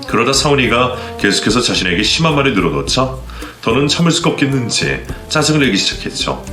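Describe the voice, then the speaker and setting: A man reads a scripted first-person story in a dramatic, lively way. His tone is bright. The room sounds echoey, with quiet music underneath. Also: medium pitch. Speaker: story narrator. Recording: roomy echo, faint background music.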